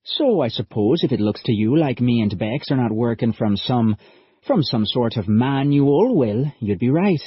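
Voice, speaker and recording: A husky-voiced man voicing an earnest young male time-traveller who talks in a lively, folksy way. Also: mid-range voice, moderate pace, no echo. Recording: dull lo-fi audiobook recording.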